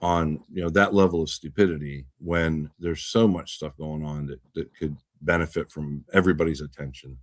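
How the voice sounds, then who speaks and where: Male podcast host, very low voice, dry sound, rambling and blunt. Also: fairly even intonation, normal speed, few pauses, no room sound. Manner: rambling, repeats words, swears when riled. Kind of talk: casual political chat.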